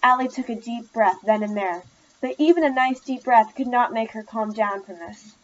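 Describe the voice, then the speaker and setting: Woman storyteller, plain even reading, slight slips, somewhat high voice, dull lo-fi recording. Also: normal speed, a little hiss or hum. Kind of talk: reading an original story aloud.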